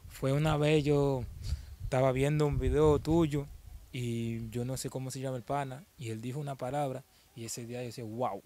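A young man, telling his own story in an interview, halting and often repeating words as he restarts. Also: mid-range voice, fairly even intonation, warm tone.

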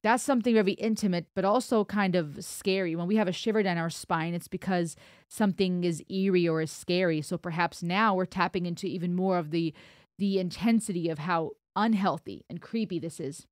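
Lowish and darkish in tone, her voice moves a little fast, with clean studio sound and no room sound. She's a music reaction host from Germany, a native German speaker, thoughtfully and emphatically analyzing a song and explaining with her hands, recording in a small indoor home studio with headphones and a close boom-arm broadcast mic.

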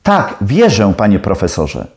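A man playing a calm, firm young student. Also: on the low side, measured pace, roomy sound, full character voice. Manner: firm, polite.

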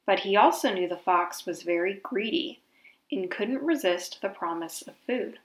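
A woman narrates a children's trickster tale from a script. She reads clearly at a medium pitch, and the room is echoey. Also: expressive, moderate pace. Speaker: storyteller.

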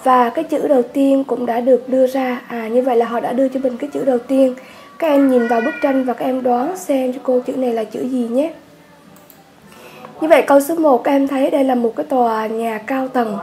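A Vietnamese woman walks students through an English workbook in a high, mellow voice. She speaks patiently and says words over slowly for her class. A faint noise sits behind her. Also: fairly even intonation. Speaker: English teacher. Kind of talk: workbook lesson walkthrough.

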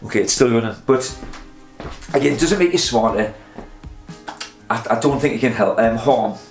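A man's voice: medium pitch, lively intonation, moderate pace. Man vlogger, rambling and chatty, roomy echo, faint guitar music behind. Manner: chatty, meandering, self-interrupting with fillers. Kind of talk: casual rambling talk to camera.

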